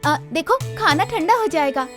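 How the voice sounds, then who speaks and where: A shy, gentle village woman. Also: very high-pitched, lively intonation, normal speed, over music. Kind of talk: dubbed film acting.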